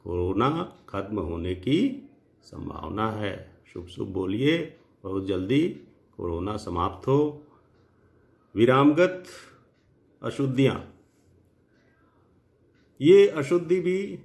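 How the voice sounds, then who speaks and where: A man teaching Hindi grammar in a lecture, speaking slowly and deliberately, spelling out example sentences word by word and addressing viewers directly. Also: medium pitch, creaky, a little mellow.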